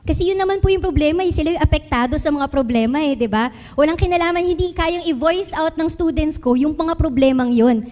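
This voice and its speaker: High-voiced Filipino woman teacher on stage. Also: brisk, darkish tone. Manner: mixes Tagalog and English, asks the audience questions. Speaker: public school teacher giving a talk. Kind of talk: talk to a live audience with slides. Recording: long hall reverb.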